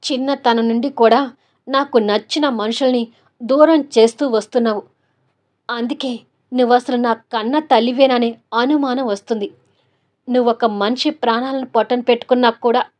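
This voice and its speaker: A woman voicing a hot-tempered young man who shouts furiously at his mother. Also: a little high, steady tone, moderate pace, natural voice. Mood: bitter. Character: angry young husband, hot-tempered son.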